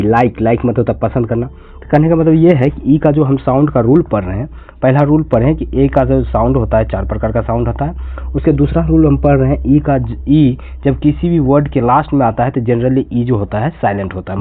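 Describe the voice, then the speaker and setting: Male tutor, patient spell-and-repeat delivery, middle pitch, lo-fi phone sound. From India. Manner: spells words letter by letter, then repeats and explains each. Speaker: teacher. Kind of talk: spoken lesson. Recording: tinny phone-quality audio.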